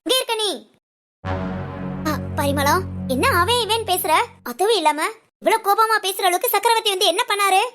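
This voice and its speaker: A woman's voice: extremely high pitch, moderate pace, long pauses, over music. A woman voicing a chatty, teasing woman friend at an ashram who scolds and gossips. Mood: scolding. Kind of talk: audio story dialogue.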